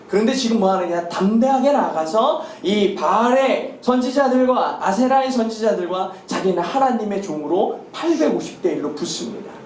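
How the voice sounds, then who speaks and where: Pastor guy with a really high voice, storytelling sermon, asks questions and laughs a bit, echoey church. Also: slight background noise. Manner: lively storytelling with rhetorical questions and chuckles. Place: church sanctuary.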